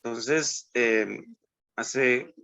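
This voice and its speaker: Colombian guy, bright voice, muffled call audio, thinks out loud with lots of little pauses. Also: mid-range voice, steady tone. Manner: thoughtful, hesitant, many "¿no?" tags. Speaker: university academic. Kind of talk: conversational panel reflection.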